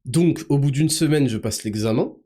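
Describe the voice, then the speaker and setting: A man hosting a podcast, telling a personal story in a rambling, colloquial, animated way. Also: medium pitch, moderate pace. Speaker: podcast host. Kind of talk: casual storytelling to listeners.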